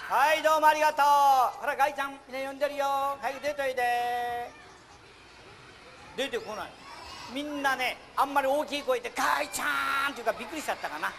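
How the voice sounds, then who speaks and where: A man's voice: very high voice, fast, vocal fry, pushed and bright, soft background music. A man performing a puppet show for children, playfully scolding his puppet and calling out to the audience.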